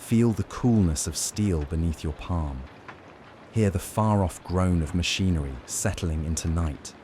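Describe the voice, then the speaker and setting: A man giving a slow, soothing scripted bedtime narration in a gentle, measured, lulling manner. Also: low-pitched, a little hiss or hum. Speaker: narrator of bedtime lore stories.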